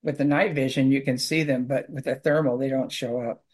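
A man who clears houses of spirits talks in casual conversation, telling long stories in an earnest, rambling way. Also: mid-range voice, fairly even intonation, a little fast, a little mellow.

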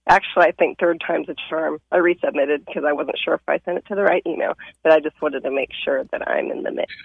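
A woman from Kansas calling in to a radio show over a phone line, friendly and quick to laugh. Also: low-pitched, vocal fry, husky, no echo. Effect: heard over a phone line. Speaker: caller. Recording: dull, dry phone line.

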